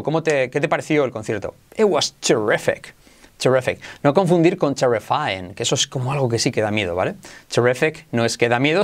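A man from Spain with a Spain Spanish accent runs an online English lesson, his voice rising and falling in lively swings. He is enthusiastic, calls himself exaggerated, and drills each word slowly so the listener can repeat it. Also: medium pitch. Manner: enthusiastic, self-described exaggerated, drills words slowly for repetition. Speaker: English teacher.

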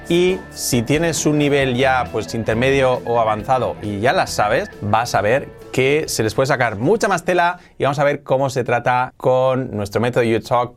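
A man teaching an online English lesson, repeating words over and over to drill pronunciation. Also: medium pitch.

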